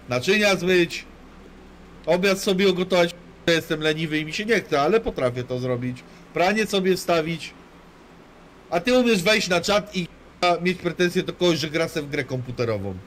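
A man's voice: on the high side, fairly bright tone, slight background noise. A man streaming a video game live, cursing constantly as he banters with chat and his teammate. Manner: crude, swears constantly, banters and mocks. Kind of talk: live gaming commentary.

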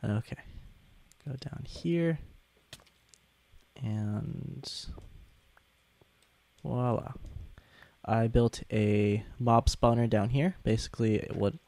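A young man giving halting, casual gameplay commentary, sounding sick with a sore throat and swollen tonsils. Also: mid-range voice, vocal fry, mellow. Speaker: gaming video host.

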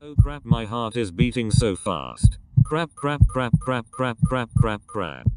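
A male text-to-speech voice reading casual let's play commentary, with an even machine delivery. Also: medium pitch, slow pace, smooth. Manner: evenly paced machine reading of casual gaming banter. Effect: text-to-speech synthetic voice. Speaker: gaming channel host. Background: video game music.

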